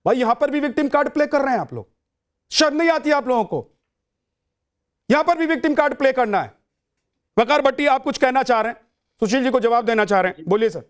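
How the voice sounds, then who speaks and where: A man anchoring a heated TV news debate, interrupting and accusing his guest in a forceful manner. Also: extremely high pitch, quick pace, long pauses, clear, resonant tone.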